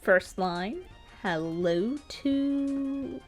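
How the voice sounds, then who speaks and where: A woman with a slightly high voice, lively intonation and drawn-out words narrates her own art video. Her commentary is casual and informal, lightly self-deprecating with a joking touch, over background music.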